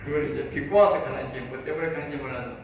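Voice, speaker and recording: A man's voice: mid-range voice, steady tone, fast, creaky. A man with a Gyeongsang Korean accent, a pastor giving a sermon lecture, talking to his listeners in a conversational way and firing rhetorical questions at them. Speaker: pastor teaching at a seminary. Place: church lecture hall. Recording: echoey hall, mic far off, faint noise.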